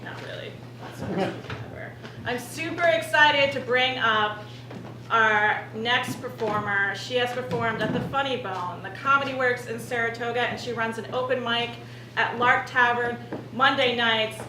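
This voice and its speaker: Woman emcee, bubbly and joking, bright high voice, roomy far-off sound. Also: moderate pace, background noise. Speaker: show host introducing comics. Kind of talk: stage introduction. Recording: echoey distant room recording.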